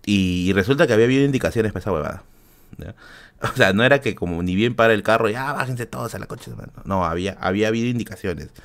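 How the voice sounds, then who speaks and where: A man's voice: on the low side, quick pace. A man with a Peruvian Spanish accent telling a story in a casual, comic way, swearing freely and dropping in fillers and tag questions. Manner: animated, profane, many fillers and tag questions. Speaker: podcast host.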